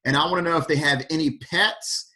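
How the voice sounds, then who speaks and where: Brief: upbeat male workshop leader, slightly higher voice, animated delivery, quizzes attendees over a video call. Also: brisk. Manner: animated, questions the audience by name. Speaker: fire service speaker leading an online workshop. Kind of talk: energetic motivational talk.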